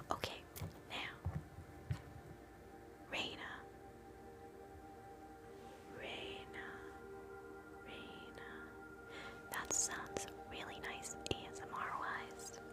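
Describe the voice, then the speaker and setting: Softly whispering woman, ASMR host. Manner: soft unvoiced whisper, gentle and slow; chats with live viewers between steps. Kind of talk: whispered ASMR role play.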